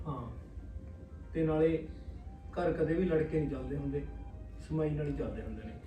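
A man playing a concerned relative in a family short film, giving gentle advice. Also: on the high side, moderate pace, lightly acted. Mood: advising. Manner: gentle, advising tone. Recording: roomy, distant recording with clear music behind.

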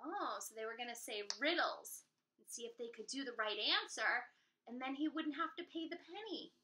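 A woman teacher reading a picture book aloud to young children, animated and asking them questions. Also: high-pitched, normal speed, reverberant, far from the mic, slight background noise, low-quality recording. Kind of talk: children's storytime read-aloud.

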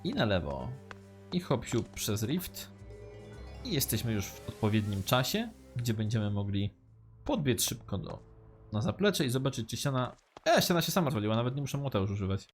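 Male let's-player, chatty and joking, middle pitch, faint game music under him. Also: big pitch swings, normal speed. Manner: chatty, joking, reads game lines aloud. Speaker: let's-play gamer. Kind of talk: casual gameplay commentary.

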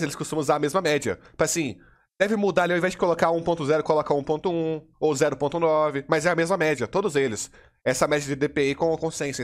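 Brazilian male gaming coach, fast slangy delivery, repetitive step-by-step drilling, slightly high voice. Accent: Brazilian Portuguese. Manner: slangy and casual, demonstrating while talking, keeps saying "look" and "you know"; direct, repetitive drilling of steps. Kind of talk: live gameplay tutorial. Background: faint in-game gunfire and mouse clicks.

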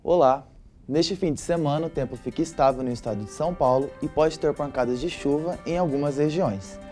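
Young male weather presenter; mellow tone, steady scripted reading, faint music underneath. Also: on the high side, fairly quick. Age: young adult. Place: studio with weather map.

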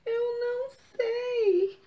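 Brief: woman doing a lonely little boy puppy in a children's story, high and tearful, slow and mellow. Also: fairly even intonation, exaggerated voice. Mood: crying. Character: sad lonely little male puppy, easily discouraged. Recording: dull lo-fi recording.

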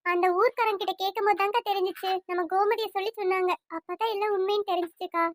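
A woman plays a fretful village auntie in a family cartoon, her voice very high and thin. She talks in a pleading, apologetic way, and the recording is close and dry with no room sound. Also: fairly even intonation, very fast, no echo. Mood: earnest. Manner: pleading, apologetic, repeats 'akka'. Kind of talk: cartoon voice acting.

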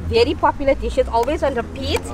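A woman's voice: high-pitched, fairly quick. A young woman, casually explaining her dishes as a food seller. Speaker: home-style food seller presenting dishes. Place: outdoors in a parking lot. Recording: outdoor car park with chatter and traffic.

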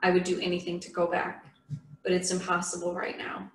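A woman reading the lines of a gentle, loving mother on the phone, soft and reassuring. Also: lowish voice, monotone, brisk, a little hiss or hum, close to an everyday voice. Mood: tender. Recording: echoey room from a distant mic.

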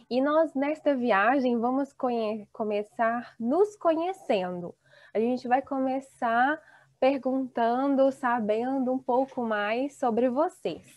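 A woman in her thirties teaching an online Portuguese class, slowly and encouragingly reading out students' chat replies. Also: fairly high pitch, darkish tone, no echo. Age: 30s. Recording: dull, dry video-call audio.

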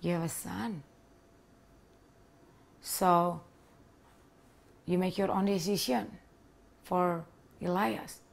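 A lowish, gravelly voice draws out its words with fairly even intonation and long pauses. It belongs to an Indonesian woman in her thirties who speaks with an Indonesian accent and earnestly recounts her personal story to camera, making small grammar slips. She sits in a living room with a leather sofa, recorded through a lapel mic.

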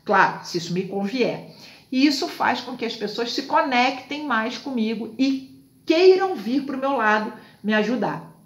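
A woman's voice: a little high, expressive, unhurried, echoey room. A woman hosting a casual self-help talk, chatty and loose, often ending her lines with little tag questions. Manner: chatty, fills lines with tags like "tá?" and "né?". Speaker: self-help video host. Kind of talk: casual talk on a book chapter.

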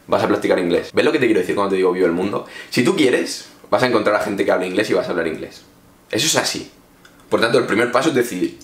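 A man from Spain talks straight to his viewers in a loose, chatty vlog, handing out informal advice. His voice sits low. The room around him is echoey. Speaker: English teacher vlogger. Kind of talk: casual advice talk to camera.

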